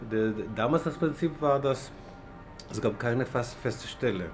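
A man from Israel, not a native German speaker, talking in a café interview with many pauses and fillers. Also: medium pitch, music in the background. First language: Hebrew. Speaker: animation lecturer, guest. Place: small café indoors.

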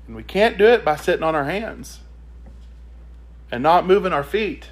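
A male preacher delivers a sermon with a high voice that leaps up and down. He leans hard on key words and keeps asking the congregation rhetorical questions. His reading of scripture flows straight into plain exhortation. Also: animated, normal speed.

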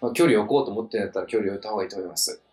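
A man in his thirties co-hosting a podcast in casual chat, talking in a relaxed drawl with sudden high outbursts. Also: racing. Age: 30s. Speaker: podcast co-host. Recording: echoey room with faint music behind.

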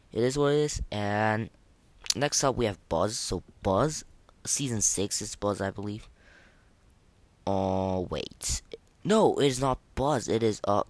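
A young man with a fairly low voice hosts a casual, unscripted podcast rating games. He speaks hesitantly, rambling informally, and the recording has no echo.

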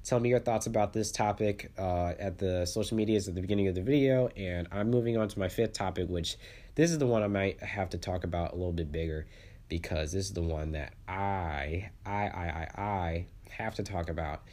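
Low-voiced man, congested and sniffly with flu. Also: fairly quick, a little mellow. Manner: rambling, stammering, repeats words. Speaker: movie podcast host. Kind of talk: casual solo podcast commentary.

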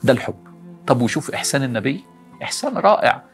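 Fast, gravelly Egyptian male preacher. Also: medium pitch, faint music behind. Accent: Egyptian Arabic. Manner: animated, rhetorical questions to the audience. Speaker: preacher addressing young people. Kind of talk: motivational religious talk.

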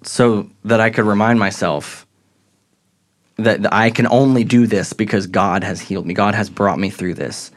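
A man's voice: lowish voice, normal speed. A young man telling his faith story as a podcast guest, earnest and reflective. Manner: earnest, reflective, grows excited retelling moments. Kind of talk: faith testimony in casual conversation.

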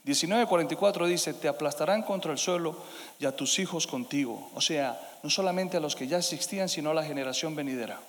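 High-voiced preacher in a reverberant hall. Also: male voice, fast. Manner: dynamic preaching, swinging between loud emphasis and hushed asides. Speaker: pastor. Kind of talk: sermon.

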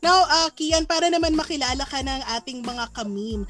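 A woman's voice: high-pitched, a little fast, over music. A woman with a Filipino accent, co-hosting a chat show in a bubbly way and mixing English with Tagalog. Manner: bubbly, laughs often, mixes English and Tagalog. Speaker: co-host. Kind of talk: casual talk-show chat.

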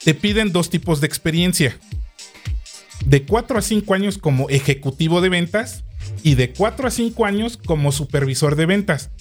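A man's voice: a little high, expressive, moderate pace, soft background music. A man hosting a casual chat, reading a job posting aloud and adding jokes. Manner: reads aloud, then jokes.

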